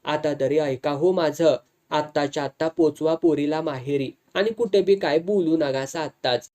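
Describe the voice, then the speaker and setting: Give me a sharp-tongued wife who scolds and insists, with a warm, soft tone, as a storyteller puts her on. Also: mid-range voice, moderate pace, close to an everyday voice. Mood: pleading. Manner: scolding, insistent, rustic speech. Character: sharp-tongued village wife, worried for family.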